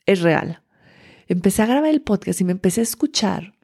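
A woman's voice: medium pitch, expressive, a little fast, darkish tone, husky. A woman, a podcast host and teacher, telling a personal story in an earnest, confiding way with many fillers and restarts.

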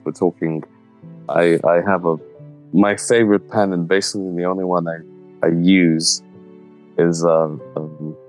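A man, answering interview questions in a thoughtful, halting way. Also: sits low, rough recording. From Slovenia. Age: 30s. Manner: thoughtful, halting, searching for words. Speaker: interviewee, illustrator.

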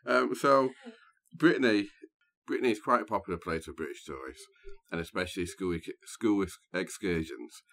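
A man hosting a true crime podcast, telling the story in a measured, scene-setting way. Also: sits low, creaky, fairly bright tone. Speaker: podcast host. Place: small booth, sharing a room with co-host.

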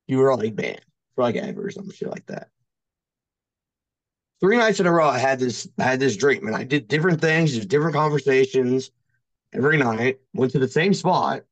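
A mid-range male voice rambles through personal stories as a podcast guest, casual and hesitant, filling his speech with "like." The recording is dry and of low quality.

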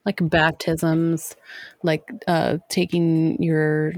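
A woman co-hosts a podcast in loose, casual chat, full of likes and ums. Her voice sits a little low. The sound is dry and close, with no room around it. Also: flat delivery, drawn-out words, darkish tone, no room sound. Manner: chatty, frequent likes and ums, laughs often. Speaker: podcast co-host.

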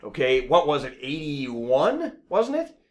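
A man's voice: fairly high pitch, huge pitch swings, slow. A man hosting a casual chat, laughing often and repeating words as he starts.

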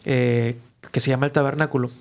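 A man, a musician guest casually telling stories in an animated, slangy way and acting out the people he quotes. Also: mid-range voice, fairly quick, gravelly. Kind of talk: casual storytelling.

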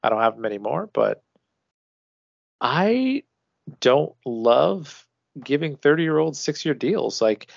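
Gravelly man in casual chat. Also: a little high, sing-song, takes it slowly, long pauses, no echo. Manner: casual, swearing, hesitant restarts. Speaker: podcast co-host. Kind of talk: casual hockey podcast chat. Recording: dull lo-fi dry sound.

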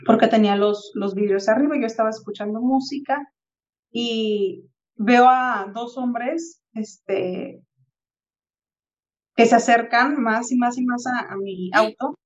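A Mexican woman from Tijuana, in her thirties, co-hosts a podcast and casually tells a reflective everyday story, acting out the people she quotes with animation. Her voice is fairly high and slow, and the recording sounds muffled.

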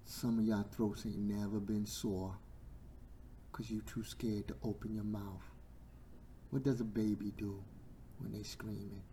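Preacher, man, hoarse from a sore throat. Impassioned and repetitive, low-voiced, swings from shouting to whispers. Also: little pitch movement, a little slow, long pauses, slight background noise. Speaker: preacher and podcast host. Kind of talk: sermon.

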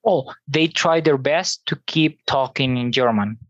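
A guest from Venezuela speaks English with a Venezuelan Spanish accent, easygoing and halting. The voice sits mid-range and the audio is dry and a touch dull, like lo-fi sound. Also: medium pitch, no room sound. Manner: easygoing, talks in loose halting phrases. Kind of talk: casual interview chat.

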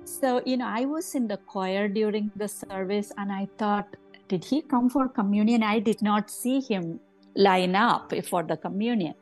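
A middle-aged woman speaks in a halting, soft way and recalls moments with her family. Her voice sits in a middle pitch for a woman. Faint music plays behind her. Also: rough recording. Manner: halting, soft, acts out remembered dialogue. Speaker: grieving mother interviewee. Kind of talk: personal recollection.

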